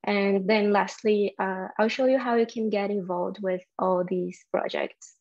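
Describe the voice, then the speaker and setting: A woman's voice: mid-range voice, fairly even intonation, a little slow, a little mellow, muffled recording. A young woman from Brazil with a Brazilian Portuguese accent, presenting a tech talk and explaining things with frequent ums and uhs. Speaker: software developer giving a conference talk.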